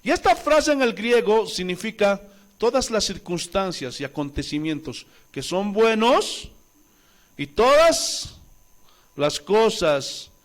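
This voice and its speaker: A Bolivian pastor with a high-sitting voice preaches a sermon animatedly. He acts out voices and questions the congregation.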